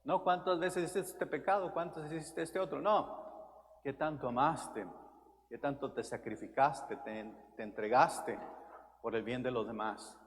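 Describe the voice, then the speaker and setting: A man, a priest, giving a homily, telling a story with loud, emphatic stretches and quiet, low passages. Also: unhurried, a little hiss or hum. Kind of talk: Spanish homily. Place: large church. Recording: church with long reverb.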